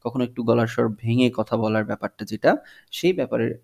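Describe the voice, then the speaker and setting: A man teaching an English textbook lesson on video, reading English lines slowly and then explaining them in Bengali. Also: medium pitch, vocal fry, darkish tone.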